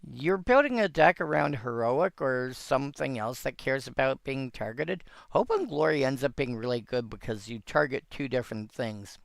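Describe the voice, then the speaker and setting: A man's voice: medium pitch, animated, moderate pace, vocal fry, hardly any pauses, no room sound, studio quality. A man hosting a casual solo commentary on old game cards, thinking aloud and rambling with frequent restarts.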